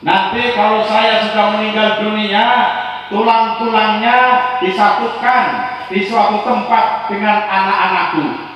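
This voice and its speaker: A preacher voicing a steadfast believer. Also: male voice, high-pitched, a little slow, a little hiss or hum, pitched above the performer's own voice. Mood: resolute. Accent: Tegal Javanese. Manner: firm, calm declarations. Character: steadfast faithful man facing a tyrant. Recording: echoey hall from far off.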